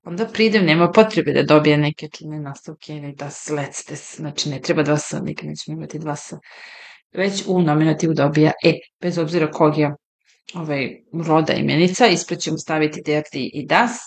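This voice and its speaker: A woman teaching German, slowly repeating example sentences and translating them into her own language, explaining points conversationally. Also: low-pitched, fairly even intonation. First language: Serbian. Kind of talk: slow, deliberate language lesson.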